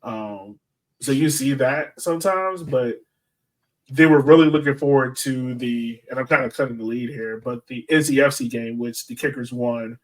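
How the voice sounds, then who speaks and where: Sitting back from the mic, another American co-host of a sports podcast talks loosely and informally, dropping "like" often. His pitch is medium and his pace ordinary.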